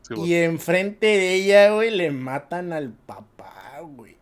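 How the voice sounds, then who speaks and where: Speaking a little slowly in a slightly high voice, this Mexican-accented man co-hosts a laid-back film podcast. He retells a story with lively, profane, slang-heavy storytelling.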